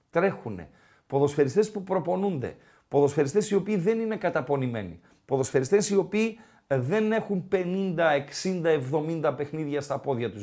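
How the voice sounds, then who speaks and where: A man's voice: on the high side, a little mellow. A male sports radio host talking football in a casual, rambling way with many filler sounds, in a radio studio.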